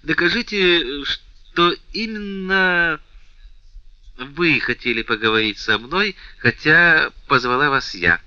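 A man's voice: a little high, animated, slow, sharp tone, clear, resonant tone, no room sound, pitched above the performer's own voice, exaggerated voice. A man voicing a proud, jealous young princess in a haughty, tearful way, on a dull, dry recording. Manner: haughty, then pleading.

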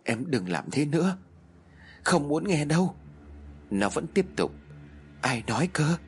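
A man narrating a horror story aloud, with expressive, varied delivery. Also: on the low side. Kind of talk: dramatic horror story reading. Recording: soft music underneath.

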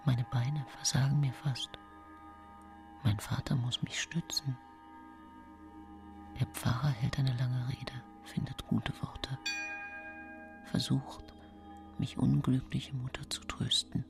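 Over background music, an actress voices a scheming, self-pitying nineteenth-century murderess recounting her own case in an intimate radio play monologue. Her bass voice is flat and exaggerated, with vocal fry, a slow pace, and frequent pauses. The mood is grieving and hushed, brooding, often sliding into a whisper.

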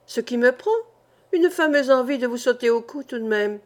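A jovial old sailor in his sixties, sturdy and good-natured, voiced by a woman reading a storybook aloud. He speaks in raised, excited bursts. The voice is pitched fairly high. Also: moderate pace, natural voice. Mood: jubilant. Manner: excited, exclamatory, high and loud.

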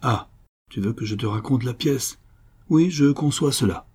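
A man voicing a gruff, nosy innkeeper who talks in a mocking, rough manner. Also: medium pitch, normal speed, a little mellow, pitched above the performer's own voice, lightly acted.

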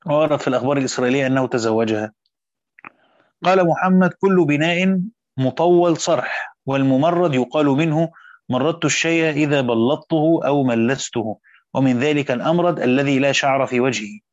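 A man's voice: mid-range voice, quick pace, dry recording. Man, Quran commentary lesson, reads then explains, dry muffled recording. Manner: reads quotes aloud, adds brief spoken asides. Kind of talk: reading and explaining a classical commentary.

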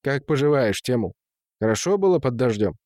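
A man's voice: medium pitch, big pitch swings, brisk, darkish tone, dry recording, clean studio sound, natural voice. A man reading an audiobook, voicing an irate middle-aged husband who scolds and blusters. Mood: coaxing. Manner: scolding, indignant. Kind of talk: audiobook character voice.

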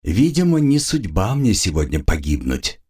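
A calm, bearded old army priest who speaks like a father, brief and settled, with a husky low voice that rises and falls freely, as the audiobook narrator puts him on. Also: moderate pace, full character voice.

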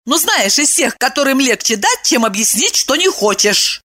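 Brief: woman voicing an exasperated young friend in an audiobook, blunt and dismissive, lively and high. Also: normal speed, full character voice. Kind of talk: audiobook dialogue reading.

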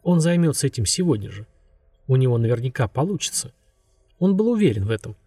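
Мужчина с сипловатым голосом ровно читает аудиокнигу, сухая запись без эха. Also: male voice, mid-range voice, very animated, fast, mellow, husky, no echo, soft background music. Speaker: audiobook narrator. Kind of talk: scripted narration.

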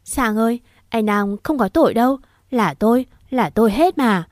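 A woman's voice: on the high side, animated, moderate pace, no room sound, studio quality, lightly acted. A woman voicing a distraught, guilt-ridden young woman who begs tearfully in a choked voice. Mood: desperate.

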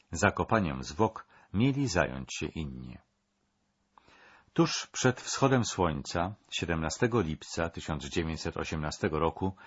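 A man narrating a scripted documentary in a measured, dramatic storytelling manner. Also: deep voice, breathy edge, lo-fi sound.

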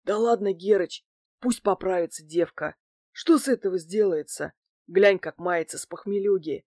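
A woman's voice: mid-range voice, moderate pace, a little mellow, dry recording, close to an everyday voice. A short, grey-haired small-time crook, played by a woman reader, coaxing and laid-back, dropping street slang in a middle register. The recording is dry and close-miked. It sits as a character in a crime audiobook. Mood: easygoing.

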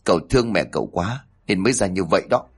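A man reading aloud, voicing a gruff older uncle in a family storybook tale who speaks bluntly and scolds. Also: sits low, animated, fast, full character voice. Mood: scornful. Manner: scolding, curt.

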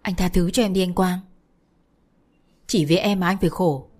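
A woman's voice: on the low side, fairly even intonation, moderate pace, darkish tone, faint music behind, natural voice. A woman voicing a tearful young woman. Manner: tearful, pleading.

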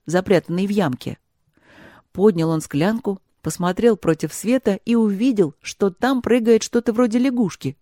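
A narrator reading a fairy tale aloud in an even, measured storytelling manner. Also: medium pitch, dry recording, clean studio sound. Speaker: audiobook narrator.

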